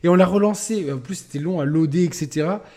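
A man hosting a casual gaming podcast, talking with animated stops and restarts. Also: a little high, fast. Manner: animated, stumbling restarts, laughing storyteller. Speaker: podcast host.

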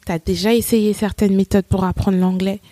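A woman's voice: medium pitch, moderate pace, no room sound. A woman talking as a podcast guest, telling stories with energy and acting out quotes. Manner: animated storytelling, acts out quotes. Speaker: guest, English-teaching entrepreneur. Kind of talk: casual podcast conversation.

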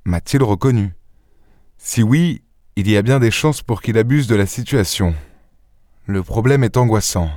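A man voicing a sly gentleman thief who speaks politely with a faint irony. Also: lowish voice, animated, a little slow, pauses often, no echo, clean studio sound. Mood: rusé.

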